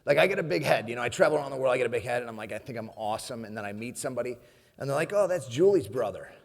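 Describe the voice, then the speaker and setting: A man's voice: medium pitch, racing, gravelly. A man giving a humorous motivational speech, telling a story with frequent laughter and addressing the audience as friends. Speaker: keynote speaker. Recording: long hall reverb.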